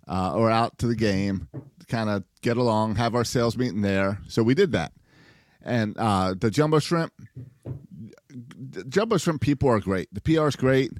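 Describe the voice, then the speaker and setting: A man's voice: on the low side, a little mellow, no room sound. Dry-miked man chatting about sports. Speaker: sports podcast co-host. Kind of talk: casual baseball chat.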